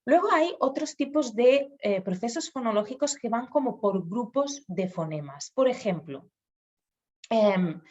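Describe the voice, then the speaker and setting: A woman's voice: fairly high pitch, animated, unhurried, a little mellow. Woman speech therapist, patient teacher, sounds it out, slightly muffled audio. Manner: patient, demonstrates sounds aloud. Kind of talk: explanatory talk to parents.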